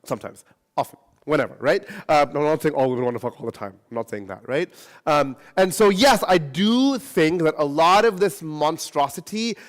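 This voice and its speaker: A man speaking at a convention panel, answering audience questions in an animated, casual way and often adding tag questions. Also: fairly high pitch, moderate pace. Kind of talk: casual Q&A talk. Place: convention hall.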